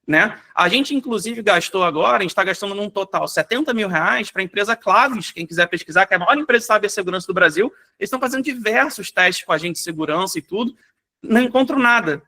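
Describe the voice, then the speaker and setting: A high-pitched Brazilian man rattles through a live software demo at a brisk clip. His tone is bright and forward, and he keeps tossing in "né?" and "gente" to the audience. The sound comes over a video call. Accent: Brazilian Portuguese. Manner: energetic, rapid, fills with "né?" and "gente". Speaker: software company founder presenting. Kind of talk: live online workshop demo.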